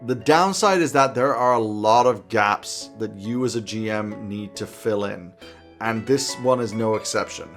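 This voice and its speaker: Speaking to camera from a small indoor home office, a man in his thirties hosts semi-scripted game master advice with wry, emphatic irreverence. He has a fairly low, fairly bright voice and an unhurried pace, backed by faint music.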